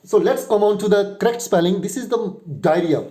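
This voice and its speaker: A man's voice: high voice, a little fast, warm tone. A man teaching spelling and pronunciation, spelling words out letter by letter and explaining at length with fillers. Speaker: English tutor.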